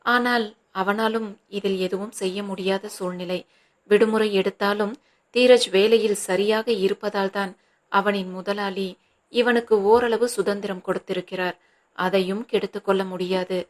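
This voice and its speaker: A woman narrating a novel in a steady, measured reading voice. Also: mid-range voice. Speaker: audiobook narrator.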